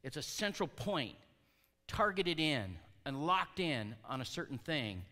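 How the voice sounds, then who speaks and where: Male pastor, conversational sermon delivery, bright tone, long church reverb. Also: on the high side, very animated, unhurried. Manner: conversational, asks the congregation questions. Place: church hall.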